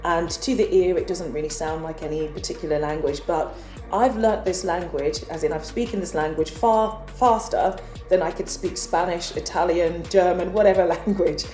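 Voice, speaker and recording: A woman's voice: lowish voice, steady tone, moderate pace, warm tone, reverberant, soft background music. A woman from England earnestly telling a personal spiritual story in a casual vlog. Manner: earnest, confessional. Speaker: spiritual vlogger.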